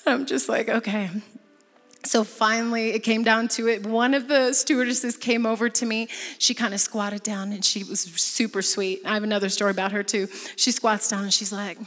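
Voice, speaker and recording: Animated woman telling a wild story. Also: fairly high pitch, moderate pace, big-room sound. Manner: lively, laughing often, quotes people in voices.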